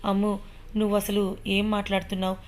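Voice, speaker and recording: Hero part: a woman voicing a determined young man, even, unvaried delivery. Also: medium pitch, brisk, slight background noise, close to an everyday voice. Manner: earnest, determined. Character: brave young male hero, devoted lover.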